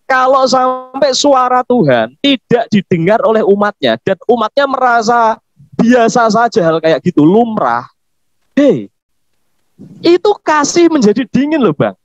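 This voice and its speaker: Animated high-voiced man preaching in chat. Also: measured pace, no room sound. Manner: animated, emphatic, laughs often. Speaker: pastor. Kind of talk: casual podcast chat. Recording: dull, lo-fi podcast audio.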